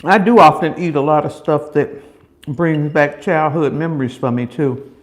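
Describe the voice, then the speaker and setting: Higher-voiced American man chatting while eating. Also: normal speed. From Chicago, United States. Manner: talking while eating, chewing between phrases; folksy, emphatic repetition. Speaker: host of an eating show. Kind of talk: casual mukbang chat.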